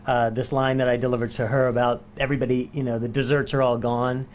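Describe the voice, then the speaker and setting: A man's voice: medium pitch, flat delivery, fast talker, slight background noise. A male actor, a guest on a chat show, telling anecdotes casually with many fillers and restarts. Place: studio.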